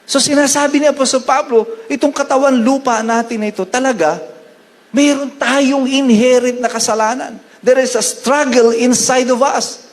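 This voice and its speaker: A Filipino pastor delivers a sermon, mixing Tagalog and English and easing into slow, deliberate scripture readings. His voice sits high for a man. The room behind him adds a long, lingering reverb. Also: steady tone. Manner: switches between Tagalog and English, quotes scripture slowly.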